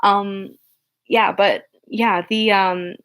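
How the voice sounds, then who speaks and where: This young adult woman's low voice is a bit bright, her intonation fairly even and her words drawn out. She rambles through an unscripted livestream chat full of fillers and restarts, answering viewers' questions earnestly and encouragingly.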